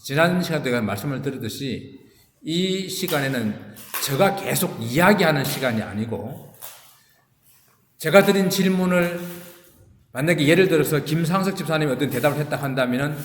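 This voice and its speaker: A man as a pastor leading a casual Bible study, relaxed and rambling with many fillers and restarts. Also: fairly high pitch, moderate pace. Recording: echoey room with long reverb.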